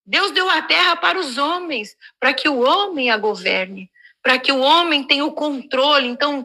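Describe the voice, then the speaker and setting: An older woman preaching a sermon, lively and acting out everyday quotes in little voices. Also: sits high.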